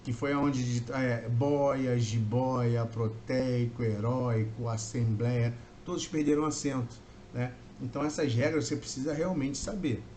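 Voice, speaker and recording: A man from Brazil teaching an exam-prep grammar lesson, explaining step by step and drawing out key words slowly. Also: mid-range voice, steady tone, darkish tone. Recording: faint background noise.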